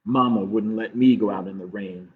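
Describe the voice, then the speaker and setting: A man voicing a protective, gently firm mother in a storybook, with plain cautioning delivery. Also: fairly low pitch, moderate pace, lightly acted. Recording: muffled phone-like streaming audio.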